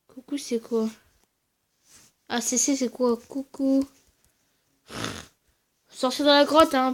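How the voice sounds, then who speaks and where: A woman who hosts a gaming channel offers casual, slangy commentary over her own gameplay in a voice on the high side. She speaks quietly most of the time but shouts at big wins and losses.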